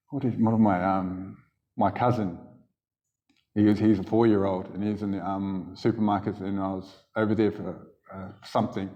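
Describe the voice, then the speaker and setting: A man's voice: on the low side, dark tone, lo-fi sound. A man gives a casual, chuckling personal testimony to a church congregation. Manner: casual storytelling with frequent chuckles. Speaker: church speaker giving testimony. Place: church hall before an audience. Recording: long hall reverb in a church.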